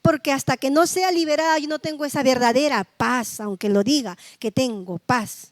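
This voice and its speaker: A middle-aged woman pastor with a high voice delivers a sermon in a conversational, testimonial way, often tossing in tag questions to her congregation. The sound is dry and close, with little room echo. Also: normal speed.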